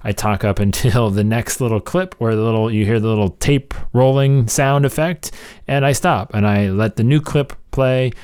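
Speaking at a normal pace, this man has a clean, mid-range voice with a darkish tone. He hosts a podcast, offering loose commentary that rambles and interrupts itself for emphasis.

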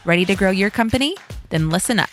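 A woman's voice: medium pitch, animated, fast talker. A woman reading a podcast's scripted intro and disclaimer, polished and upbeat. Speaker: podcast announcer. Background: faint music.

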